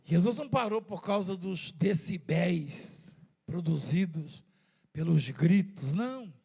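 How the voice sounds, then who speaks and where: Brazilian preacher guy, high voice, husky and crackly, chatty sermon w lots of repeats and questions to the crowd. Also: lively intonation, slow, mellow. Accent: Brazilian Portuguese. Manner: conversational preaching with rhetorical questions and repetition.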